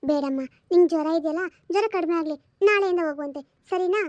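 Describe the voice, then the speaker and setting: A woman playing a burdened young mother who soothes her daughter softly in a homemade family drama. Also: very high-pitched, fast, no echo, highs cut off. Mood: soothing. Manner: soft and coaxing.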